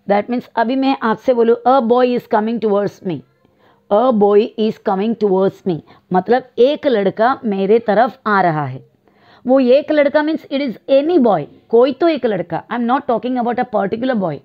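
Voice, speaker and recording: A woman teaching a grammar lesson, explaining slowly and drawing out example words as she switches between two languages. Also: on the high side, lo-fi sound. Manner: slow, drawn-out explanations mixing Hindi and English. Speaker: English teacher.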